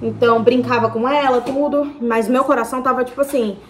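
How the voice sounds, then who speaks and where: A young Brazilian-accented woman, a family vlogger, chats casually to camera in a slightly high, steady voice at a fairly quick pace, with slight background noise. Talkative by nature, she tells her viewers a long story packed with detail.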